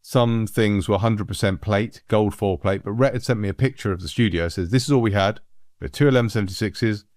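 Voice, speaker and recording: Animated English man telling studio stories. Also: on the low side, fairly quick, dry recording. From England. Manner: animated, laughing, acts out voices in anecdotes. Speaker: guest, music producer. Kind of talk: relaxed storytelling.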